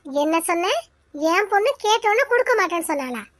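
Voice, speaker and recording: Cartoon mom, woman voicing, squeaky-high and combative, always scolding. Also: big pitch swings, fast talker, fairly bright tone, no echo, heavily acted. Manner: shrill, scolding, picks fights. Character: quarrelsome mother, defensive of her daughter. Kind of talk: cartoon voice acting.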